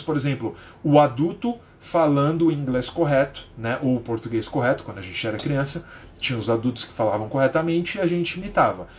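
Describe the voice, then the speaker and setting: A man's voice: mid-range voice, a little mellow, a little hiss or hum. A man in his thirties from Brazil, teaching a live-streamed lesson from home in a chatty way, explaining through rhetorical questions and constant tag questions. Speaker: English teacher.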